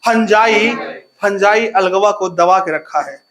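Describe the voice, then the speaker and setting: High, bright-voiced man teaching biology. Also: takes it slowly. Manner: call-and-response questioning, playful teasing; laughs often. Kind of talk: online classroom lecture.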